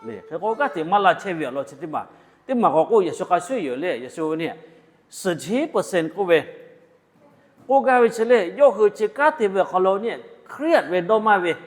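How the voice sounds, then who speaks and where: A man preaching a sermon in an animated way, mixing in English phrases. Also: high-pitched, fast. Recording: long hall reverb.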